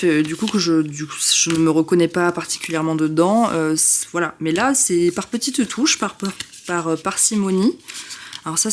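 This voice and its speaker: A young woman chatting casually about tarot decks, excitable and full of fillers and self-interruptions. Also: lowish voice, a little hiss or hum. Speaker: tarot vlogger. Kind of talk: casual chat.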